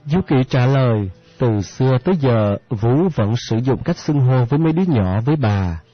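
A man narrating an audiobook in a steady storytelling manner. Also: medium pitch, moderate pace, no echo. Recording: dry, slightly muffled audiobook.

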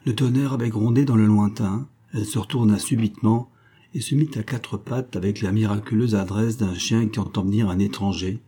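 A man reading a classic novel aloud as an audiobook narrator, in a measured, even-paced manner. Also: fairly low pitch, slightly rough.

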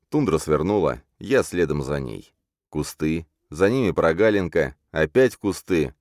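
A man narrates a first-person crime thriller in a deep, low voice. His delivery rises and falls widely, jumping up sharply for the hero's shouted lines. The recording is close and dry, with no room sound. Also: dry recording. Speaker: audiobook narrator.

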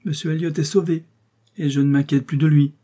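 Un homme qui prête sa voix à une femme vive et perspicace, taquine et câline, dans un livre audio. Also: male voice, on the high side, little pitch movement, fairly quick, mellow, voice pushed up, close to an everyday voice. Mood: teasing, coaxing. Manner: arch, coaxing, playful. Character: lively shrewd middle-aged woman, teasing invalid friend.

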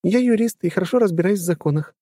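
A man voicing a confident young woman lawyer in an audiobook, composed and quick-witted. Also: high voice, warm tone, dry recording, clean studio sound, voice pushed up. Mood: friendly. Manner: poised, mocking, composed. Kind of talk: audiobook character voice.

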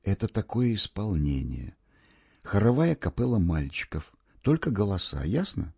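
Weary, curt shop saleswoman, voiced by a male narrator, flat and unimpressed, lo-fi sound. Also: on the low side, moderate pace, creaky, husky, exaggerated voice. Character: weary, blunt female record-shop clerk. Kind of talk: audiobook reading.

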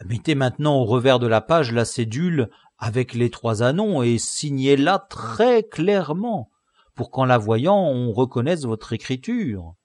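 A man voicing a simple, blunt, loyal squire in an audiobook, excitable and pleading, pitched higher than his narration. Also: unhurried, no room sound, natural voice. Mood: practical. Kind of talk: audiobook character reading.

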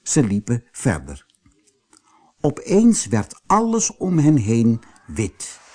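Slow, expressive male storyteller. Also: medium pitch. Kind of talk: fairy-tale audiobook reading.

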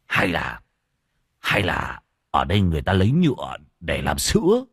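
A slow-witted young man, as a male narrator voices him, musing aloud. The voice drops low and husky, and it is recorded dry and close. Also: wildly swooping pitch, fairly bright tone, no echo, exaggerated voice. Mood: puzzled.

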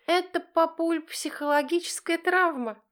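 A woman voicing a shrill, mocking teenage girl. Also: unhurried, a bit bright. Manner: sarcastic, shrill and defiant. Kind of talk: audiobook character voice.

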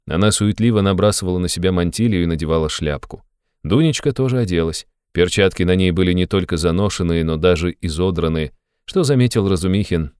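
Low-voiced male audiobook narrator. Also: a little mellow, clean tone, no room sound, studio quality. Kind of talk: scripted narration of a classic novel.

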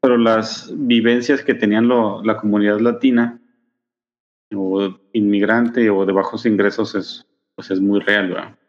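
A man co-hosting a casual comic-book podcast, adding short agreements and measured explanations. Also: fairly low pitch, little pitch movement, dull audio. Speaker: podcast co-host.

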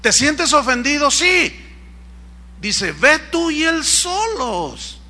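A man's voice: extremely high pitch, very animated, slow, bright, forceful tone. A middle-aged male pastor preaching a sermon in Spanish, emphatic and acting out members of his congregation in quoted voices.

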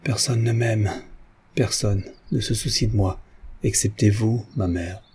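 A man's voice: lowish voice, steady tone, measured pace, darkish tone, slight background noise, natural voice. A man voicing a heartbroken, proud grown son who speaks in a restrained, pleading way in an audiobook. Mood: broken.

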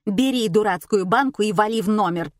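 A woman's voice: medium pitch, fairly quick, dry recording, clean studio sound, close to an everyday voice. A woman doing a stern snapping French wife.

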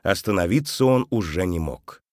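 Deep guy reading a fairy tale audiobook, dry close sound. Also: animated, normal speed, darkish tone, no room sound. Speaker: narrator. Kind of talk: audiobook narration.

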